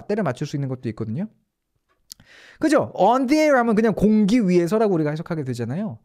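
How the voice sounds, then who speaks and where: Man, English teacher, online lesson, high voice, rhetorical questions, step-by-step explaining. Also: a little mellow. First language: Korean.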